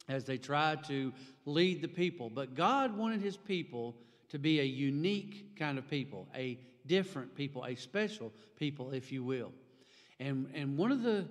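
A pastor in his forties preaches from a pulpit microphone. His fairly high voice climbs sharply when he stresses a point, and the delivery stays emphatic throughout. Long reverb from the church sanctuary hangs behind every phrase. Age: 40s. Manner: emphatic, gesturing widely, rising for emphasis. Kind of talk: sermon. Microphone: stand mic at a pulpit.

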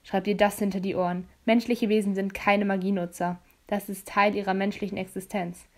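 Cocky teen boy hunter, a lady reading it out, lower and louder than her own voice, smug and clipped, audiobook. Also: level tone, fairly quick, close to an everyday voice. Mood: curt, irritated. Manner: smug and curt. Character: cocky teenage boy demon hunter, condescending.

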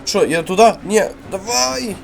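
A man's voice: high voice, unhurried, creaky, a little hiss or hum. Jumpy Ukrainian man playing a horror game. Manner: excitable, jumpy, mutters to himself. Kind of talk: live gameplay commentary. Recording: game music playing underneath.

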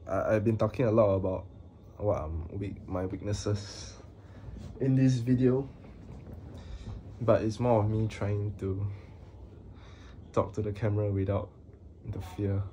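Speaking casually to camera in a small room, this young male vlogger has a low, mellow, monotone delivery. He hesitates often, with many fillers and long pauses, over faint room ambience. The recording is low quality, with slight background noise.

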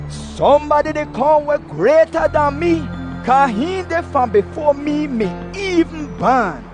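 An actor playing a fervent desert prophet in a dubbed film, earnest and declamatory, with a Belizean Kriol accent. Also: male voice, very high voice, full character voice. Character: fervent male desert prophet, long-haired preacher. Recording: music behind the voice.

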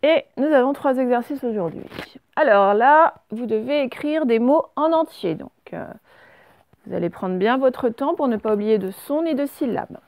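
In this recorded remote lesson, a woman who teaches primary school patiently spells out words letter by letter for young children. Her voice is a little high and slightly mellow, with lively intonation and a moderate pace, and there's no echo.

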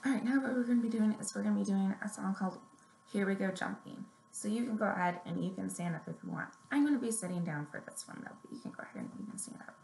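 Talking quickly in a creaky, slightly mellow mid-range voice, a woman in her thirties gives small kids simple, supportive instructions during a story time she hosts. A laptop or webcam at arm's length picks her up, so there's room echo, noticeable background noise, and that webcam sound.

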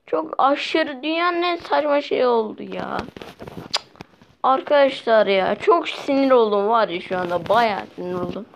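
A woman's voice: fairly high pitch, expressive, measured pace, vocal fry. A young woman giving casual commentary while playing a mobile game, chatty and easily exasperated as she talks to her viewers. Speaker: mobile gameplay vlogger. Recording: dull lo-fi sound with faint noise.

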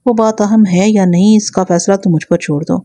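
A woman's voice: medium pitch, close to an everyday voice. A woman reading a shrewd, firm police inspector. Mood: probing. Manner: probing, steady, commanding.

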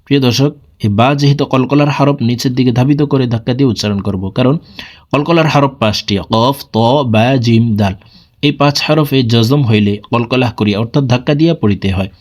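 A man's voice: medium pitch, a little mellow. Male Quran teacher drilling syllables. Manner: slow, deliberate spelling drills, repeating syllables. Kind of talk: step-by-step recitation lesson.

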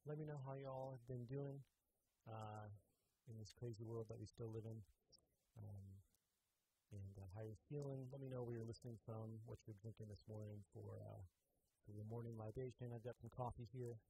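Laid-back male cellist host, low dark gravelly voice, hall-style reverb effect on the mic, rambling live-stream chat. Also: normal speed, a little hiss or hum. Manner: relaxed, apologetic, rambling with fillers. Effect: reverb effect on his voice, like a big hall echo. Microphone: plugged into an audio interface input.

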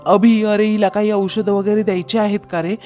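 A woman's voice: mid-range voice, flat delivery, normal speed, mellow, soft background music. A woman narrating a recap of a TV serial episode, reading all the characters' lines in her own voice.

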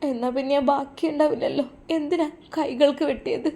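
A woman's voice: high voice, measured pace, pitched above the performer's own voice. Woman voicing a tearful young wife. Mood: heartbroken. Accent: Malappuram Malayalam. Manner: pleading, sobbing softly.

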